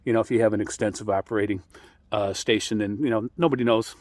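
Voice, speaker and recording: Middle-aged American man, halting hobbyist explainer. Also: lowish voice, fairly even intonation, no echo. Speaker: amateur radio hobbyist hosting an introductory video. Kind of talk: informal explanatory vlog.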